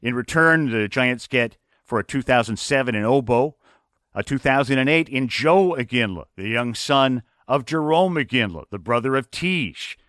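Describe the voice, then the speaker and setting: A man's voice: medium pitch, animated, a bit bright, dry recording, studio quality. A man hosting a sports radio show, rattling off hockey trade details. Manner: rapid rundown of hockey trades.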